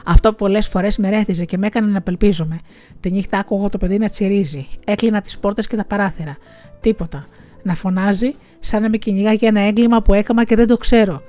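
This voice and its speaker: A woman's voice: mid-range voice, fairly even intonation, faint music behind, lightly acted. A woman reading as a bitter widowed village teacher. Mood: resentful. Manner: quiet confessional, tearful, resentful. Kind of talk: audiobook reading.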